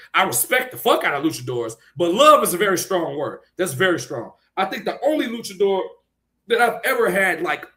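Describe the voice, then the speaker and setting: A man co-hosting a casual podcast chat, ranting in a heated, profane way, often shouting and breaking into laughter between points. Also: high-pitched. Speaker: podcast co-host.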